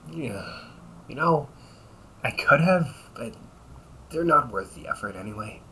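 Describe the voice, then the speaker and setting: In a one-sided conversational audio roleplay, a man voices a cocky vampire brother, centuries old yet young-sounding, who grumbles with dry, tired sarcasm and chuckles often. His medium-pitched voice is pushed and bright, with lively intonation and a slightly slow pace. The audio is poor, with a little hiss or hum.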